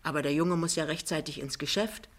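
A woman narrator voicing a good-humored young country wife in an audiobook. The voice stays low and plain, close to the reader's own. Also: a little fast. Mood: cheerful. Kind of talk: audiobook reading.

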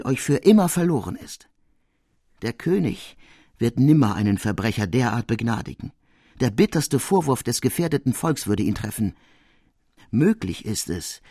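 A man reading the part of a cautious elderly lawyer who urgently warns a noblewoman, in a husky, dry voice. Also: medium pitch, a little mellow, dry recording, voice pushed up. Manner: urgent, warning tone.

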